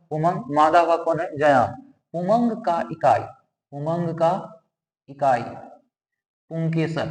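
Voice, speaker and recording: Male biology teacher, fairly high voice, quizzes himself aloud, long room reverb. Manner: asks questions and answers them himself, repeating terms. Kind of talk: classroom lesson with drawing.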